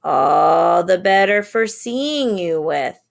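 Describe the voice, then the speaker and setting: A sneaky, hungry storybook wolf, put on by a woman reading aloud, sly and growly with a wobble. The voice sits low with a gravelly grain and creeps along slowly. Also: expressive, heavily acted. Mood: false sweetness. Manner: sly, growly, wobbly when faking grandma.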